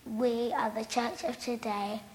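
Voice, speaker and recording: A woman's voice: fairly high pitch, flat delivery, a little slow, a little mellow, reverberant, big-room sound. A teenage girl reciting scripted lines in earnest for a church video. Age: young. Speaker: young speaker in a church video. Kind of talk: scripted spoken-word video.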